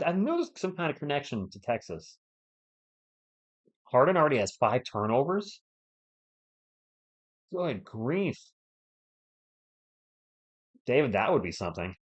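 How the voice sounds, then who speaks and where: Feeling a bit under the weather, a man runs a live sports stream with mid-range voice and dull audio. He gives relaxed fan play-by-play and talks with viewers by name in a conversational, playful manner.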